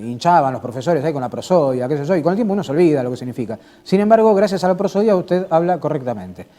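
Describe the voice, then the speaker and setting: A man's voice: high-pitched, warm tone. A man hosting an informal cultural talk, playful like a mock announcer and full of hesitant fillers. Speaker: host. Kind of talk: informal cultural talk answering viewer questions.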